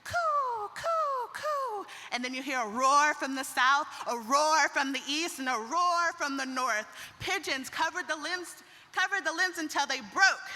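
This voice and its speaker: A woman's voice: high-pitched, normal speed, pushed and bright. A young woman in her twenties, a pageant contestant, telling a folk story expressively with bird calls. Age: 20s. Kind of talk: oral storytelling. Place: event hall stage. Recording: reverberant hall.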